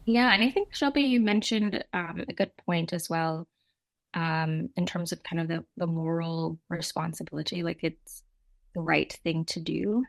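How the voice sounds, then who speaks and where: A middle-aged Jamaican woman answers interview questions as a guest representing a nonprofit. Her voice is on the low side and gravelly, and she talks at a moderate pace. Her answers are conversational, reflective and explanatory, full of asides.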